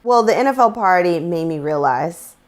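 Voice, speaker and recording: A woman with a low voice talks openly in a casual conversation. She is reflective and halting, often pausing and restarting her sentences. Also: lively intonation. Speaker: guest.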